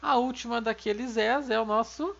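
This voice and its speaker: A woman's voice: a little high, normal speed, vocal fry, lo-fi sound. A woman with a Brazilian Portuguese accent teaching a language lesson patiently, explaining step by step and often checking in with her students. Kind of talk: online video lesson.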